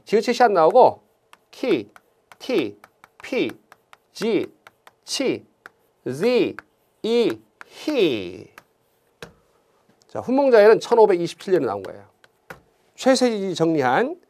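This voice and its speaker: A man teaching exam Korean grammar in a lecture, often putting quick questions to his students. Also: sits high. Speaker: civil service exam Korean instructor.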